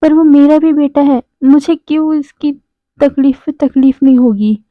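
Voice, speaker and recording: A woman voicing a gentle young husband who pleads and stumbles over his words in a storybook retelling. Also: sits high, fairly even intonation, measured pace, no room sound. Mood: pleading. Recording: dry, phone-like narrow sound.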